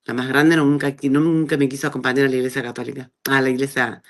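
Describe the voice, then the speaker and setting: A middle-aged woman with an Argentine accent, telling her personal testimony in a conversational way and acting out the dialogue she quotes. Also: quick pace. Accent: Argentine Spanish. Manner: animated storyteller who acts out quoted dialogue with big pitch jumps. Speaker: guest giving a testimony.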